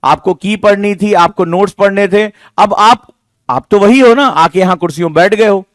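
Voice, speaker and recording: A man's voice: high voice, normal speed, no echo. A man teaching a room of students, with emphatic, rhetorical lecturing that teases and scolds them. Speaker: exam coaching teacher. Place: classroom with students.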